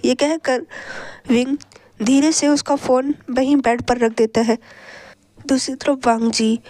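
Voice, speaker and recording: Brief: woman storyteller, high voice, steady narration, dry close sound. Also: a little slow, no room sound. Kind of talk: narrating fan fiction.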